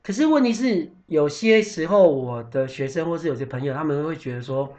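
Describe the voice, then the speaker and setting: A man's voice: fairly high pitch, fairly quick, darkish tone. A man hosting a casual podcast, talking in a chatty, explanatory way with many fillers and restarts, sometimes spelling out foreign words. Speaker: podcast host.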